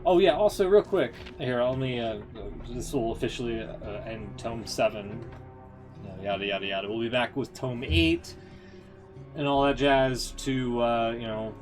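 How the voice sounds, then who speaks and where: At a normal speed and medium pitch, a gamer livestream host chats through his gameplay informally, thinking aloud and muttering asides, with music in the background.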